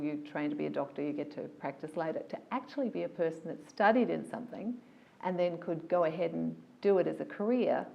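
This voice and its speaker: Lively woman voiceover artist. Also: on the low side, creaky, highs cut off. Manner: animated, enthusiastic storytelling. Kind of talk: casual interview talk.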